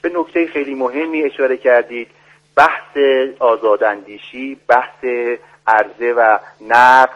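A man calling in by phone as a guest expert on a radio show, speaking formally in a lecturing way with many pauses. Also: mid-range voice, steady tone. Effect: voice heard over a phone line on the radio. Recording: dull lo-fi phone line.

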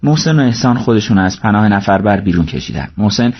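Low-voiced man reading a story. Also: breathy edge, lo-fi sound. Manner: steady, measured reading. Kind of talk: audiobook narration.

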